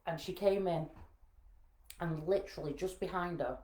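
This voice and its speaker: A woman's voice: lowish voice, moderate pace, darkish tone. A Northern English woman telling her own story to camera, plainspoken and frank with dry jokey asides. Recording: roomy echo.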